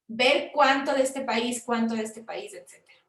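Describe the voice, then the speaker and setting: A Chilean woman, a film producer, explaining funding forms in a frank, conversational workshop talk with quick asides. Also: a little high, fairly bright tone, roomy sound, recorded from a distance. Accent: Chilean Spanish.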